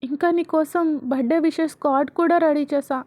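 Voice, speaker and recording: A woman's voice: high voice, steady tone, quick pace, a little mellow, dry recording, pitched above the performer's own voice, lightly acted. A woman voicing an innocent small girl who talks in a whiny, sobbing way. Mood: sheepish.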